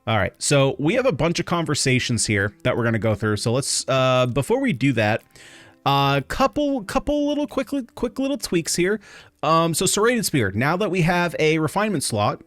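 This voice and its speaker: A man's voice: fairly high pitch, big pitch swings, moderate pace, fairly bright tone, no echo. A man hosting a gaming video, talking through gameplay in a loose, rambling way with many fillers. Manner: rambling, filler-heavy explaining. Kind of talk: casual gameplay commentary.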